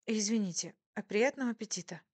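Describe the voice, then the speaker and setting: A woman's voice: mid-range voice, fast, a little mellow, no echo, pitched above the performer's own voice, close to an everyday voice. A woman voicing a nervous young waitress who stammers and hesitates. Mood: flustered.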